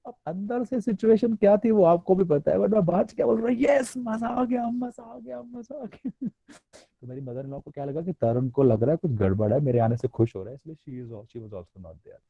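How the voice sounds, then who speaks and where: A man giving a motivational stress-management talk to teachers, playful and animated, acting out little quotes. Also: fairly high pitch, fairly quick, dry recording, lo-fi sound. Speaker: motivational speaker.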